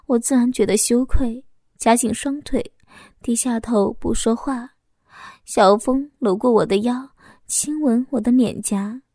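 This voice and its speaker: Brief: high-voiced woman narrator, soft and intimate, slips into whispers, dry close mic. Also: dry recording. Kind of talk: scripted first-person audio story narration.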